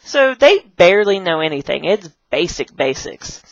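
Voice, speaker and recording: Bubbly, animated woman vlogging on camera. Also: on the low side, moderate pace, no echo. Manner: bubbly and rambling, jumps into playful kid voices. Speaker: online English teacher. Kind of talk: casual vlog chat showing props. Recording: dull, dry camera audio.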